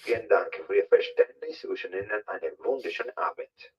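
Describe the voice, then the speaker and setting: A man making a polite, formal announcement over a ship's loudspeaker. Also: fairly low pitch, fast, slightly rough. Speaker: ship announcer. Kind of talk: formal public address announcement. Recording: distant muffled loudspeaker in a cabin.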